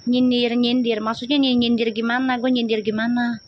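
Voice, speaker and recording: A woman's voice: on the high side, level tone, moderate pace, a little hiss or hum. Chatty tarot reader woman. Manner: chatty, scolds commenters, switches to slangy banter. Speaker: tarot reader on a live stream. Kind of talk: live-stream tarot reading and chat replies.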